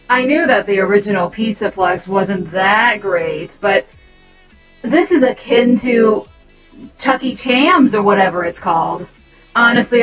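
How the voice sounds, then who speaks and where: A woman's voice: medium pitch, lightly acted, low-quality recording. A woman voicing a vain, snarky female animatronic star in a fan animation, complaining sarcastically and boasting about herself. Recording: faint music underneath.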